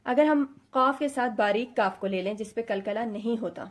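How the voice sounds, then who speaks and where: Woman, Quran teacher, Pakistani Urdu accent, patient explanations, demonstrates letter sounds, slightly high voice. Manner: mixes English words into Urdu. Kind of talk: explanatory lesson, addressing students.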